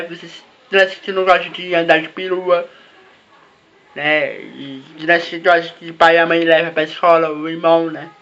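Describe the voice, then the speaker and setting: A man's voice: on the high side, a bit bright, dull audio. A man giving parents advice in a casual vlog, repeating himself and tagging his phrases with little questions. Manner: repetitive, ends phrases with "né?" and "tá?". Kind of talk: casual talk to camera.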